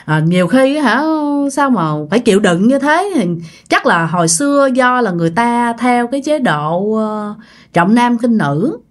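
A woman's voice: on the high side, normal speed. A woman with a Southern Vietnamese accent telling a ghost story casually, acting out quoted voices. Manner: animated, acts out quoted voices.

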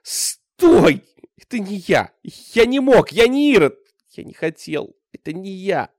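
A man voicing a young bandit who hisses threats and breaks into shrill, tearful shouting. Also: sing-song, slow pace, no echo, clean studio sound, exaggerated voice. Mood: sobbing. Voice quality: hissing, shrill. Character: young bandit lad, cornered, hissing then hysterical.

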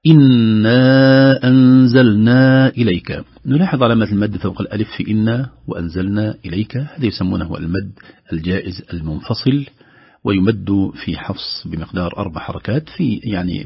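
A middle-aged man teaching the rules of Quran recitation, patiently explaining and demonstrating words slowly and more loudly. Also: sits low, gravelly, husky, no echo, lo-fi sound.

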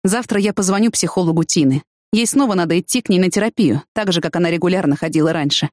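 Woman reading a gruff, blunt young man. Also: on the low side, fast talker, a little mellow, no echo, studio quality, lightly acted. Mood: matter-of-fact. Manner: gruff, matter-of-fact. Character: blunt, hot-tempered young man, calm explainer. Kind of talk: audiobook reading.

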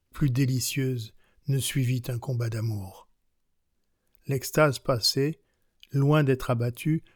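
A man reading as a passionate, worldly young countess in an audiobook of a classic novel, with a measured, unhurried delivery and a steady pitch. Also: dry recording, studio quality, natural voice.

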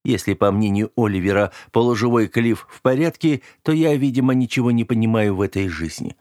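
An anxious young man, urgent and shaken, as a male reader puts him on, read only a little above the reader's natural voice. He speaks in quick, pressing bursts. The recording is close and dry. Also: on the low side, darkish tone, no room sound, natural voice. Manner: urgent, rattled. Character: anxious young male first-person hero. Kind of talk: audiobook character voice.

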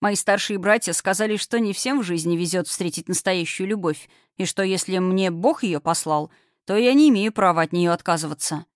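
A woman doing an excited cheerful young man. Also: fairly low pitch, moderate pace, dry recording, clean studio sound, lightly acted. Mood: tender. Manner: excited, boyish, joking.

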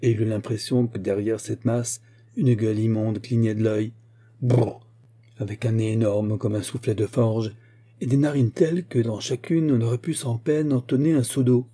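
Husky dark-voiced male narrator. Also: medium pitch, normal speed. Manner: lively storytelling, voicing the grandfather's lines. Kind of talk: audiobook reading of a fantastic tale.

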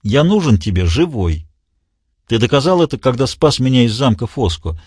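Man reading a cool detective, quiet, deliberate, dry close sound. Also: medium pitch, sing-song, slightly rough, dry recording. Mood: cold calm. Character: calm, cold male detective, low and measured.

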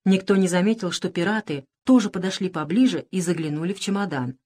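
A woman's voice: lowish voice, quick pace, slightly rough. Woman reading a children's story. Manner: lively, expressive storytelling. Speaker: audiobook reader. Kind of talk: scripted narration of a children's story.

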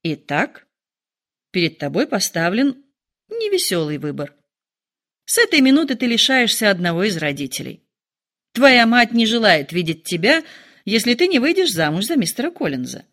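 A woman voicing a calm, wry older father who speaks in a measured, ironic way. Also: mid-range voice.

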